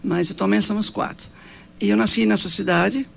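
A woman's voice: medium pitch, fairly even intonation, moderate pace, creaky. A woman in her seventies with a Brazilian accent, telling her life story in an interview in an earnest, devout way, often ending with tag questions. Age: 70s.

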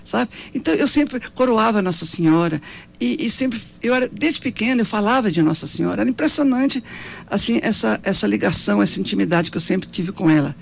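A woman's voice: mid-range voice, expressive, a little fast, vocal fry. A woman in her seventies with a Brazilian accent, telling her life story in an interview in an earnest, devout way, often ending with tag questions. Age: 70s.

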